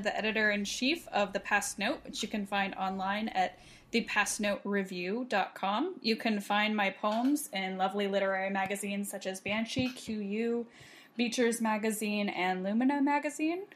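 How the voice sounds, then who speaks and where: A woman's voice: medium pitch, fairly even intonation, a little slow, fairly bright tone. Playful giggly woman podcaster. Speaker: podcast co-host, editor and poet. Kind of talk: casual podcast chat.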